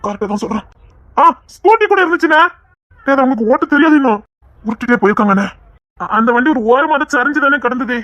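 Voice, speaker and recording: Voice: mid-range voice, racing, a bit bright, no room sound, muffled recording. A reader voicing the men of a dramatic family story, urgent and questioning. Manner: urgent, questioning, rough colloquial. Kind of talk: dramatic audio story reading.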